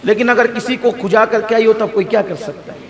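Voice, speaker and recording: A man preaching a sermon to a live audience, fervent and emphatic, often tossing rhetorical questions to the listeners. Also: fairly even intonation. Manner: fervent, rises to high emphatic peaks, rhetorical asides to the audience. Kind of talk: impassioned sermon. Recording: crowd audible around live sermon.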